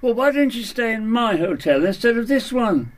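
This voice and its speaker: A man's voice: very high-pitched, sing-song, moderate pace, slight background noise. An actor playing a confused elderly man visiting a care home in a radio drama. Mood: puzzled.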